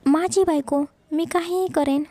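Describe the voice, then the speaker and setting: A woman's voice: high-pitched, steady tone, measured pace, mellow, dry recording. A woman voicing a playful, doting young husband in a romance story. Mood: teasing. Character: young husband, teasing and affectionate.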